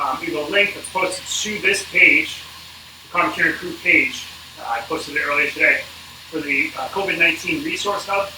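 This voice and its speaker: A man coaching an indoor cycling workout on a livestream, speaking casually and haltingly with a dry, informal manner. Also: fairly high pitch. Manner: halting, informal, dryly joking. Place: indoors in an apartment. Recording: echoey, distant mic, noisy room.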